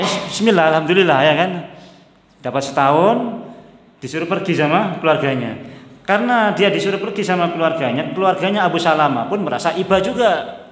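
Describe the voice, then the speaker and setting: A man giving a religious study lecture as a preacher, chatty, often checking that listeners follow, laughing, and chanting Arabic text. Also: a little high. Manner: mixes in Javanese phrases and chants Arabic text. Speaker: Islamic preacher. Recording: echoey hall, long reverb.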